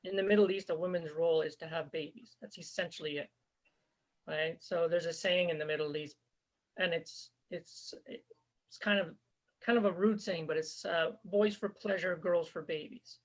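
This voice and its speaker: In a relaxed spoken interview, a former volunteer fighter, a Zambian-born woman who grew up in Canada, answers conversationally and sincerely with frequent fillers. She speaks at a normal pace in a low, even voice, and the lo-fi recording sounds dull.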